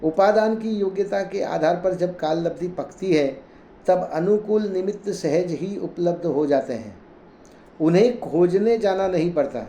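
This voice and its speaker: A man reads scripture aloud, chanting the verses slowly before explaining them in plain, conversational Hindi. His voice sits fairly high yet sounds mellow and relaxed. The room is echoey, with a faint hum behind him. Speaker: Jain scripture reader and teacher.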